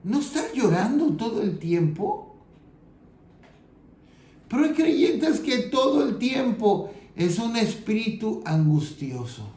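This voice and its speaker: Preaching with earnest conviction, this Mexican Spanish-accented man reads from scripture and slows his delivery for emphasis. He has a high, sing-song voice with a somewhat dark tone, heard in a roomy space.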